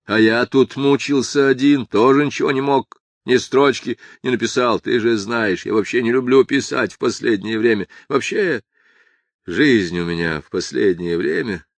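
A man's voice: mid-range voice, moderate pace, no room sound, voice pushed up, natural voice. A man voicing a wry, weary writer. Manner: dry, ironic, offhand.

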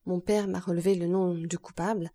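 A woman's voice: lowish voice, steady tone, fairly quick, warm tone. A woman voicing a shaken middle-aged prosecutor who speaks in a strained, urgent way.

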